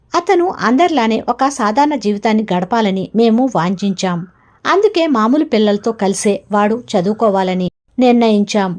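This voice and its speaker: A woman narrating a self-help audiobook in a steady, measured reading voice. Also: on the high side.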